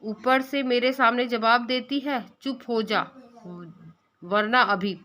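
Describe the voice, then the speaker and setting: A grumpy male lion, king of the jungle in a children's storybook, scolding and threatening, as a woman teacher reads him. The voice stays close to her own and sits a bit high. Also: fairly even intonation, slow pace, pushed and bright. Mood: angry, threatening.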